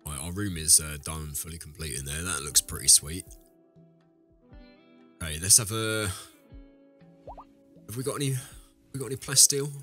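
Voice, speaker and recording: A man talks casually over a game while ill, his very deep voice still cutting through with a bright, forceful edge. He rambles and corrects himself mid-sentence, often turning to address viewers. Faint music plays behind him. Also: normal speed, pauses often. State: ill, deeper voice than usual. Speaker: let's play host. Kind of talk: casual gameplay commentary.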